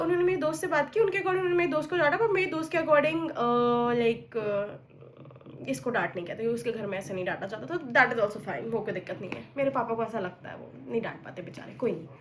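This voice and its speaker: A young woman from India tells a personal story to her viewers in a casual vlog. Her voice sits high, and her delivery is chatty and animated. She keeps slipping English phrases into her telling. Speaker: vlogger.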